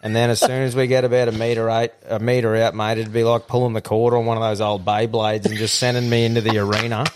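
A man's voice: on the low side, level tone, fast talker, few pauses. An Australian man talking like a laid-back tradesman, slangy and sweary, swapping stories in casual banter. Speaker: podcast host.

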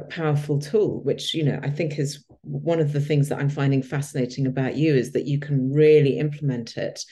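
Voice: medium pitch, mellow. An interview host, chatting enthusiastically, riffing on the guest's ideas and giving frequent agreeing hums. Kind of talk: conversational interviewing.

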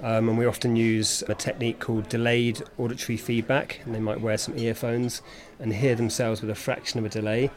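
A man working as a speech therapist, calmly explaining treatment techniques in conversation. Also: mid-range voice. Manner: measured, explanatory.

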